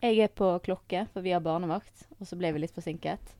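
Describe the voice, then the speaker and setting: A woman guest on a podcast telling lively stories about raising children. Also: fairly low pitch, no echo, clean studio sound. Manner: lively storytelling, quick asides. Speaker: guest, mother. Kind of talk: casual podcast chat.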